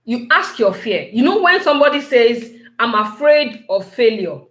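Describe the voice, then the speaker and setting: A woman giving a motivational talk, slow and repetitive, asking her listeners many questions. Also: fairly high pitch, sing-song, fairly bright tone, reverberant.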